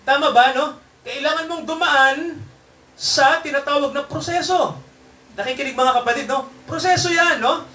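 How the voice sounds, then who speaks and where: A man's voice: very high-pitched, moderate pace, pushed and bright, echoey room, recorded from a distance. A man preaching a sermon to his congregation in a mix of Tagalog and English, constantly checking in with tag questions. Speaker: pastor. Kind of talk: Taglish sermon.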